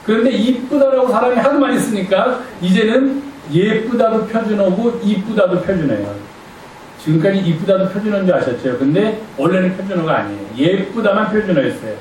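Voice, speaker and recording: A man's voice: high voice, a little mellow, distant mic, a little hiss or hum. A male pastor giving a conversational sermon, playfully quizzing his congregation. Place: church sanctuary. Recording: echoey church hall from afar.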